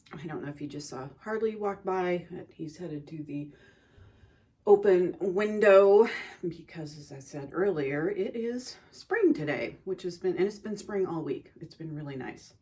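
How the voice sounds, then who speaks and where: A woman hosting her own podcast, chatting in an unhurried way with frequent ums and pauses, recorded on a phone. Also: fairly low pitch, animated, darkish tone, breathy edge, dry recording. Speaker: podcast host. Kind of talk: casual chat.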